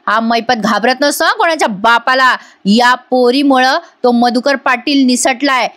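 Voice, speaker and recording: A woman voicing a menacing male gangster, with a slow, threatening delivery. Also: high-pitched, a bit bright.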